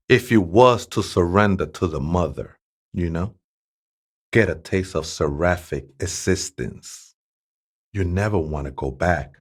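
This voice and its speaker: For a video game, an actor voices a serene, devout former gang member with a Mexican accent, using laid-back, reverent street slang. His voice is deep and exaggerated, with a breathy edge.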